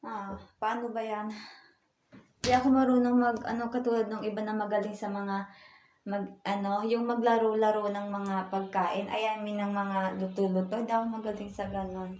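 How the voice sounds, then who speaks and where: A woman's voice: medium pitch, level tone, moderate pace, darkish tone. A woman from the Philippines chatting casually in a rambling family vlog from her home kitchen, full of fillers. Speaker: vlogger. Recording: echoey room with noise.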